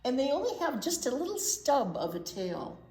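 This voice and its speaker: A warm, high-pitched voice with big pitch swings carries this librarian's storytime reading of a picture book for young children, at a moderate pace. She weaves in simple explanations and chatty asides; the room is echoey with faint background noise.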